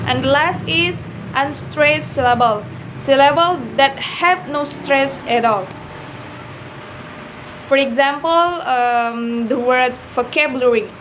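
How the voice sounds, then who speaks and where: A woman's voice: high-pitched, background noise. A young woman student giving a class presentation on word stress, hesitating with frequent fillers; her first language is Indonesian. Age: young adult.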